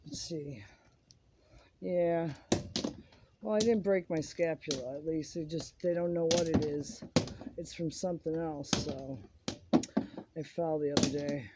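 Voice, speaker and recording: A home gardening vlogger with a mid-range voice gives a casual hands-on demonstration, speaking unhurriedly with long pauses as they chat and ramble while working. It's filmed partly outdoors on a handheld phone, so the home video is noisy and full of handling clicks.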